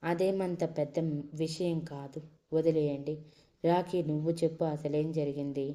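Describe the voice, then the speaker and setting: A serious young man who speaks in a measured, steady way, keeping the peace in a storybook drama, played by a woman narrator. The voice is low and warm, without any edge. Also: natural voice. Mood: calm.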